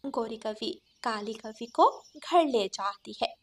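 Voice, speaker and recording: A woman narrating a cartoon story in a plain, steady storytelling manner. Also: a little high, slow.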